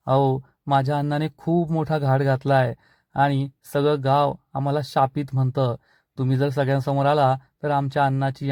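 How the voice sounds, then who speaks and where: A man's voice: mid-range voice, darkish tone, no echo, clean studio sound, lightly acted. A man voicing a humble young husband pleading with his wife in a serial recap. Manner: pleading, polite.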